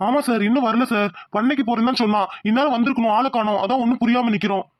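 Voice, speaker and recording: A man's voice: very high-pitched, steady tone, rapid-fire, dry recording. A man voicing a grieving elderly village father in a cartoon drama, speaking in a pleading lament. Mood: worried. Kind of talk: Tamil cartoon drama voice acting.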